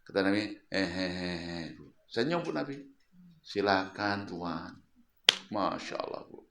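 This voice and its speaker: A man preaching a sermon at home, telling a story with lively questions to his listeners. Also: deep voice, fairly quick, vocal fry, a little hiss or hum. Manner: lively storytelling, questions the audience and repeats words. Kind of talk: sermon to a local congregation. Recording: roomy echo.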